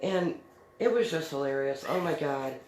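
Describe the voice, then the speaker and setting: Her voice is low-pitched, darkish, and animated at a moderate pace as this middle-aged DIY crafts host spins a casual story. She's chatty, laughs easily, and uses many fillers; the recording has a roomy echo with faint noise.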